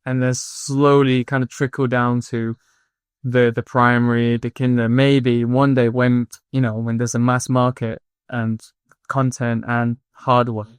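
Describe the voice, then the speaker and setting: A man hosting a podcast interview, talking in halting bursts and repeating words as he thinks. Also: mid-range voice, level tone, clear, resonant tone, no echo. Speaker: podcast host.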